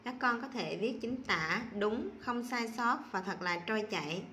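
A woman teacher giving a slow, patient spelling lesson to young children, repeating each sound clearly. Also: fairly high pitch, expressive, sharp tone, echoey room, slight background noise. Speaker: primary school teacher.

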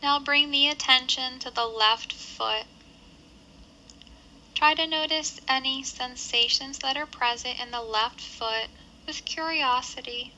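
In a slightly high, very bright voice, a woman leads a body scan meditation, giving simple instructions gently and measuredly with pauses in between. The recording is low quality with faint background noise.

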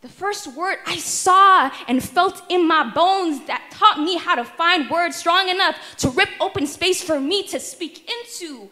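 A young woman delivers spoken word in a very high voice that sounds pushed and bright, standing at a mic in a wood-paneled hall. Her performance is rhythmic and emphatic, with purposeful stammered repetitions.

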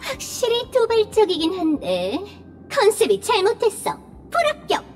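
A squeaky cartoon monkey professor, theatrical and strict. The extremely high voice bounces up and down as it exclaims and scolds, over soft game music. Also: female voice, wildly swooping pitch, moderate pace, heavily acted. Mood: exasperated. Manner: exclamatory, scolding, chanting verbal tics.

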